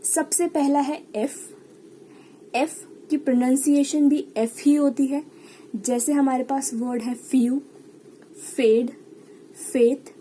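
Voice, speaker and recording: A woman's voice: high voice, warm tone, slight background noise, poor audio. A woman teaching shorthand step by step, patiently explaining and asking and answering her own questions. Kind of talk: classroom lesson at a whiteboard or page.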